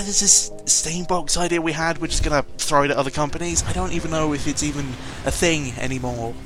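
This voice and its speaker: With a fairly high, fairly bright voice, a man talks casually in a meandering audio log. The gaming vlogger sounds hesitant as he grumbles, offers blunt opinions, and swears mildly.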